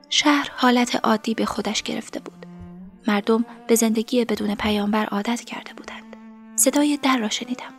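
A woman narrating a story in the first person, softly and emotionally, in a breathy, whispery voice. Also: fairly high pitch. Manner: soft, emotional, tearful storytelling.

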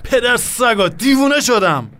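A man's voice: high-pitched, lively intonation, a bit bright, voice pushed up. A man voicing a wounded young male fighter who cries out and pleads in anguish. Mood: frantic.

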